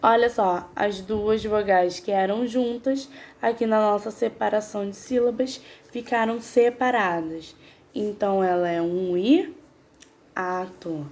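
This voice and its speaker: Medium in pitch, with fairly even intonation and a darkish tone, this woman teaches a grammar lesson. She sounds out syllables slowly and patiently, asking the class questions.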